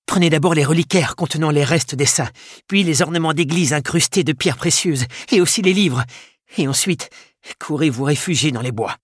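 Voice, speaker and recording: Man playing a calm monk cook barking orders, husky, close and dry. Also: medium pitch, rapid-fire, few pauses, no room sound, voice pushed up, lightly acted. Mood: commanding. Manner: commanding, less pompous, giving orders.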